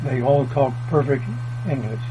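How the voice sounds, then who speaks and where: This older man's rambling family story, told in plain country grammar for an oral history, comes at a moderate pace and medium pitch with fairly even intonation. The recording is dull lo-fi tape carrying mains hum.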